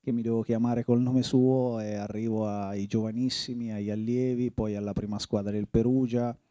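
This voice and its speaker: Dark-voiced man reminiscing, halting. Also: medium pitch, flat delivery, no echo, clean studio sound. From Italy. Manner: reflective, halting, often restarts phrases. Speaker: former footballer. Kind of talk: reminiscing interview.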